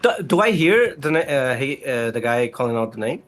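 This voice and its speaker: Casual man player with a lively pitch. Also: normal speed, soft background music. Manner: casual, helpful, explains moves. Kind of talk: playing a tabletop game.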